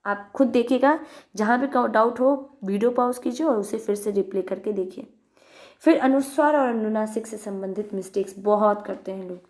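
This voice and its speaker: A woman teaching an online grammar lesson, explaining patiently, repeating each word slowly and addressing viewers as friends. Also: on the high side, a little mellow.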